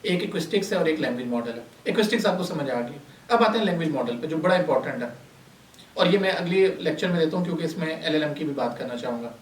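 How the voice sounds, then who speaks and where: A high-pitched man teaches a workshop class. He explains terms patiently and asks the class questions that he then answers himself. His voice comes from some distance in an echoey room. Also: animated, fast, a little hiss or hum. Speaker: lecturer. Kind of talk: classroom lecture.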